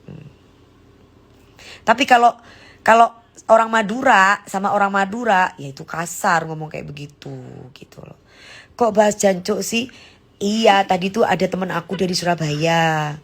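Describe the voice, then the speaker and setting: A woman's voice: medium pitch, moderate pace, pauses often. A woman chatting casually on a phone live stream, explaining slang acted-out examples.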